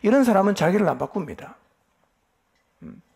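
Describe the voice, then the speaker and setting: A man's voice: sits high, big pitch swings, fairly quick, creaky, a little mellow, husky. A male pastor giving a Bible lecture at a church retreat, addressing the congregation directly with emphatic rhetorical questions. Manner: keeps addressing the listeners directly, with affirming "yes".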